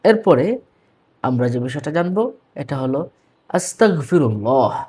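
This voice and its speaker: Husky bangladeshi guy teaching how to say prayer words, lively up and down pitch, says them slow over and over. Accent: Bangladeshi Bengali. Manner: drills words slowly, repeating right and wrong forms; addresses viewers formally. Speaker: religious teacher. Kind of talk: religious pronunciation lesson.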